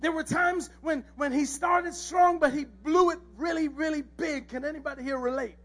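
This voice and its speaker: A man's voice: very high voice, moderate pace, fairly bright tone. A male pastor, preaching a sermon and acting out the characters' voices as he tells the story.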